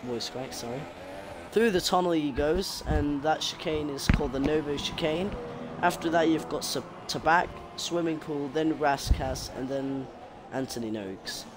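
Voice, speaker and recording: A man's voice: on the high side, unhurried, background noise. A young man casually commentating a sim race, chatty and rambling, correcting himself as he goes.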